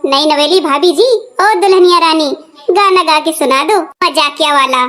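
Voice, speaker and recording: A woman's voice: sits high, normal speed, pushed and bright. A woman voicing a gossiping cartoon neighbor who teases and mocks the family. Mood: teasing. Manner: teasing, mocking. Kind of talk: cartoon voice acting.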